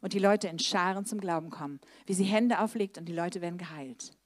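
A middle-aged woman evangelist preaching a lively sermon, swinging between loud emphasis and soft, low asides. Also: fairly quick, no room sound.

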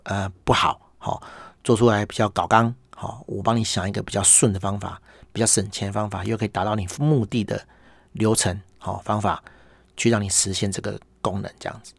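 A man's voice: on the low side, no room sound. A man with a Taiwanese Mandarin accent chatting casually as a podcast host, telling stories in a wry, exasperated way and tagging his sentences with "hor". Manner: chatty, peppers speech with "hor" tags. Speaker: podcast host, business owner. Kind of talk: casual monologue.

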